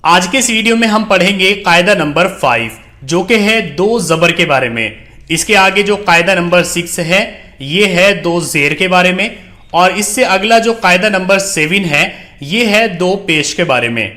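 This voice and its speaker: A man teaching Quran reading, drilling letters one by one in slow, drawn-out recitation. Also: sits high, expressive, pushed and bright. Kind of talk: recited alphabet lesson.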